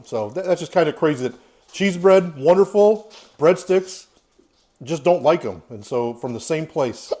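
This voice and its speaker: A man's voice: a little high, animated, a little slow, dark tone. A man in his forties giving a casual, plain-spoken food review with his child. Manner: easygoing, plain-spoken, opinionated.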